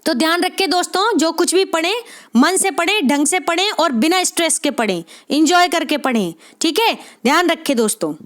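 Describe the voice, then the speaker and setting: Very high-voiced woman tutoring for exams. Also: lively intonation. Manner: encouraging, repeats "ठीक है?" after nearly every phrase; spells out sounds slowly one by one. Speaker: Hindi literature exam tutor. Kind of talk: spoken exam-prep lesson.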